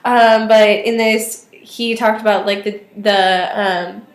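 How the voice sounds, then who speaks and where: A woman in her twenties records a casual vlog response in a roomy, echoey office on a webcam mic. Her voice is weak and thin, at a middling pitch. She sounds tentative, working out her thoughts as she goes. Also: fairly even intonation, takes it slowly. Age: 20s. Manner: hesitant, tentative, thinking aloud. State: weak voice today. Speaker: student vlogger. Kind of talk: casual spoken video response to a classmate. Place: small indoor office or study. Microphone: webcam or laptop microphone at arm's length.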